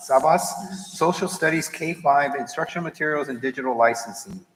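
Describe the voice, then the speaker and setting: A man chairing a board meeting, running formal procedure in a brisk, businesslike manner. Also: fairly high pitch, a bit bright. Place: large echoey meeting room. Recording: echoey hall, clear background noise.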